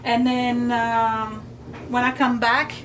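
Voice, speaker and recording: A woman's voice: a little high, little pitch movement, slow pace, a bit bright, rough recording. A woman hosting a casual hands-on quilting tutorial, explaining step by step, with machine noise behind her voice. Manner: explains step by step, checking understanding. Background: sewing machine noise.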